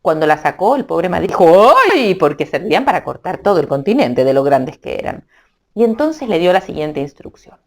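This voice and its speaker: A woman narrating a children's storybook in an animated, playful way, adding sound effects. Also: fairly low pitch, brisk.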